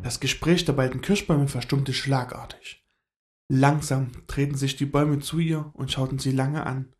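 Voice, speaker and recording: A man gently narrating a children's story in an expressive storytelling manner. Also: mid-range voice, moderate pace, soft background music.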